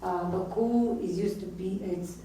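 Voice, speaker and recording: A woman's voice: medium pitch, fairly even intonation, measured pace, dark tone. A woman in her forties, a native Russian speaker born in Azerbaijan who grew up in Israel and America, chatting casually as an interview guest. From born in Azerbaijan, grew up in Israel and the United States. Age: 40s. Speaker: guest, restaurant owner. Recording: distant mic in echoey room, faint noise.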